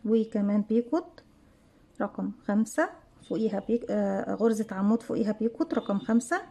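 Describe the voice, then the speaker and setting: A woman's voice: medium pitch, animated, fairly quick, creaky, mellow. A woman with an Egyptian Arabic accent teaching crochet step by step, counting stitches aloud and asking and answering her own questions. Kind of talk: step-by-step tutorial narration.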